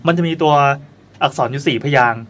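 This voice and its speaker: A man co-hosting a casual podcast chat, quick and playful, sometimes mock-formal. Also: mid-range voice, fairly bright tone. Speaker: podcast co-host.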